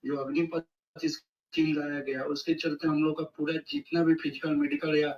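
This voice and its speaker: A man's voice: on the high side, animated, normal speed, vocal fry, darkish tone, muffled recording. A man calling in to a live online talk, pressing an earnest, repetitive complaint. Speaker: caller. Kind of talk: call-in question. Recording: far-off echoey line.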